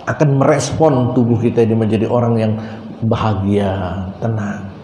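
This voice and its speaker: A man preaching a sermon at an Islamic boarding school, in an animated storytelling way, with a roomy echo and faint ambience. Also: mid-range voice, fast talker, a little hiss or hum. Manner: animated storytelling, acting out voices.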